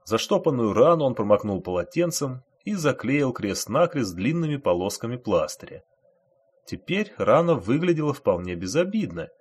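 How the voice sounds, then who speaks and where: A man narrating an audiobook thriller with expressive, tense storytelling. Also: mid-range voice, normal speed, slightly rough.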